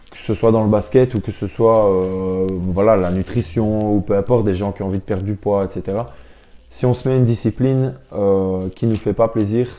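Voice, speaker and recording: Warm and on the low side, the voice belongs to a young man who plays basketball professionally. In a casual interview he speaks informally and reflectively, often repeating words as he builds toward his point.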